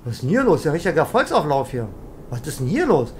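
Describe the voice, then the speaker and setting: A man's voice: a little high, big pitch swings, quick pace, a little hiss or hum. A man giving casual gaming commentary as a let's play host, rambling and joking with bursts of improvised silly singing.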